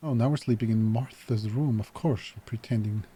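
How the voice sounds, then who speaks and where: A man's voice: on the low side, moderate pace, mellow, husky. A man commenting on gameplay as he plays, joking, reacting and swearing freely. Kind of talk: let's play commentary. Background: game music.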